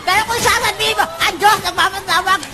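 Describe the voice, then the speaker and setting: High-voiced indignant woman amid loud crowd. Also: steady tone, quick pace, noisy background. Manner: indignant, emphatic. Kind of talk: answering an interview question.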